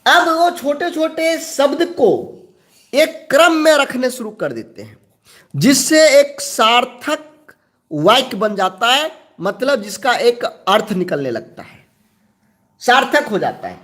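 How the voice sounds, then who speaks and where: High-voiced slow-speaking male teacher. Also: very animated, a bit bright. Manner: slow, repeats key terms, asks and answers own questions. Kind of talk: exam-prep lecture.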